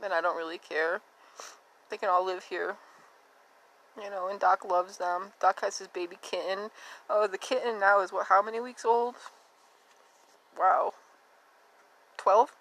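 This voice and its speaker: Woman host, mid-range voice, talking alone in a loose, confessional ramble, quiet and shaky. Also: mid-range voice, fairly even intonation, measured pace, pauses often, rough recording. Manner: rambling and confessional, with frequent fillers. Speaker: podcast host. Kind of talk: candid personal monologue.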